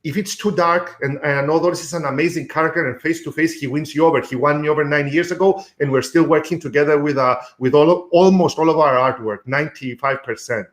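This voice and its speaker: A man's voice: fairly high pitch, quick pace, few pauses. A man hosting a live-streamed mentoring show from a room at home, coaching guests on sales in an instructive way with frequent fillers.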